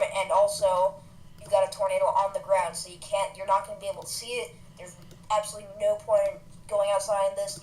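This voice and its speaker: A woman's voice: medium pitch, a little mellow. A woman co-hosting live weather commentary over a remote connection. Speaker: storm livestream co-host. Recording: roomy, noisy, patchy remote connection. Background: thunderstorm background noise.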